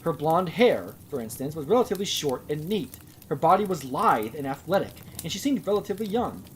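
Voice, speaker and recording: A woman's voice: sits low, sing-song, brisk, slight background noise. A young woman reading a bad story aloud for laughs, breaking off with sarcastic, swearing asides. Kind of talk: comedic live reading with commentary.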